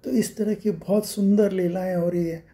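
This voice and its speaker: A man telling devotional scripture stories, explaining slowly and breaking into sung verses. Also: sits high, steady tone, dark tone. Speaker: scripture storyteller.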